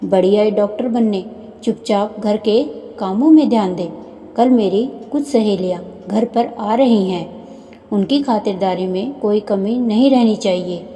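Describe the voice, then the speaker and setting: A scornful old mother-in-law from a storybook tale, put on by a woman narrator. She speaks slowly in a very dark, mellow tone, heaping taunts on everyone around her. The voice rings with a long hall reverb. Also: medium pitch, lightly acted. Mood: scolding. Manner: taunting, sharp-tongued.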